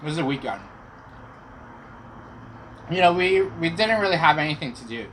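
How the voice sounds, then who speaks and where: Middle-aged man, casual storytelling, talking while chewing, clear background noise. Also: on the high side, lively intonation, normal speed, fairly bright tone, low-quality recording. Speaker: vlog host telling personal stories.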